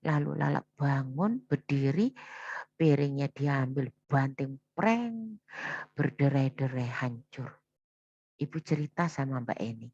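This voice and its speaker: A woman's voice: extremely low pitch, lively intonation, slow pace, mellow, no room sound. A woman speaking as a mother who recounts a family quarrel to her child, scolding and lamenting with a lot of repetition. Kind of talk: emotional spoken recollection addressed to her child. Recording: dull, dry, lo-fi recording.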